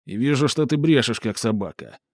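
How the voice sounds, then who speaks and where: A man's voice: mid-range voice, lively intonation, a little fast, no echo, studio quality. Man doing a menacing burly stoker. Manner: mockingly gentle, menacing, folksy slang. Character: burly menacing male stoker, calm threat.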